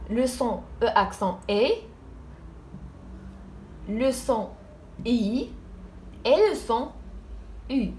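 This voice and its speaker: Young woman, patient French teacher voice with careful, slow pronunciation, a touch high. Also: a little mellow, a little hiss or hum. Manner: slow, deliberate spelling-out of French words between Arabic explanation. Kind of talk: grammar lesson.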